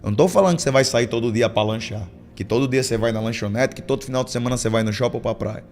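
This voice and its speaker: A pastor preaches a sermon full of stories, acting out the lines of church members. His medium-pitched, darkish voice races along, with faint music in the background.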